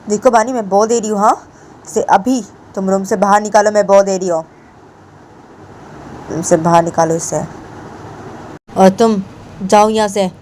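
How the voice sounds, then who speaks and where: A woman voicing Rama, an angry young woman who repeats sharp commands in a homemade story. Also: medium pitch, a little hiss or hum, lightly acted. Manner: scolding, repetitive commands.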